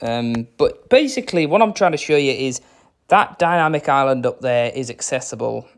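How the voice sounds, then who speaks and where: A man's voice: medium pitch, expressive, moderate pace. A young man casually demoing a phone's settings, rambling and unsure, with many fillers. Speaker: phone reviewer. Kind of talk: casual screen-recorded demo.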